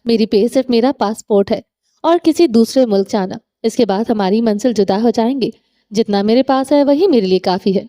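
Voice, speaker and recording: A woman's voice: fairly high pitch, mellow, natural voice. A woman reading the lines of a proud, stubborn young woman in a romance audiobook, defiant and earnest.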